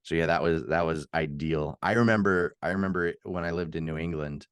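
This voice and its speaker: A man's voice: sits low, a little fast, smooth, dry recording, studio quality. A man co-hosting a casual podcast chat, rambling off on tangents and laughing often. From United States. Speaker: podcast co-host.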